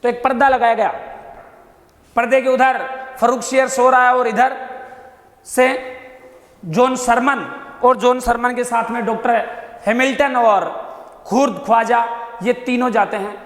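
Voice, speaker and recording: A man's voice: extremely high pitch, fairly even intonation, measured pace, pauses often, a bit bright. A male teacher telling history as a casual, chatty story. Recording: echoey hall.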